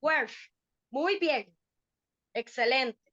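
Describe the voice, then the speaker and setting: High-voiced woman English teacher, slow and patient, on a dull, dry video call. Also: animated, noisy background. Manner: patient, explains slowly with repeated checks. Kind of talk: online English class for adults.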